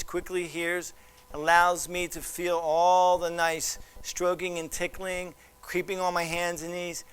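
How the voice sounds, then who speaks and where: A man giving a presentation to parents, animated and teasing, acting out what others might say. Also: high voice, clear, resonant tone. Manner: animated, teasing, acts out quoted voices. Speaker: child development specialist.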